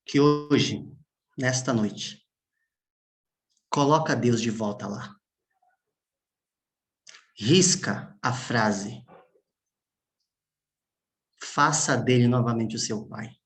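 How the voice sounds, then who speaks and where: Guy preaching a sermon, tells it slow and emotional, goes quiet and soft a lot. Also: mid-range voice. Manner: emotional storytelling with long pauses and soft, hushed moments. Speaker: pastor.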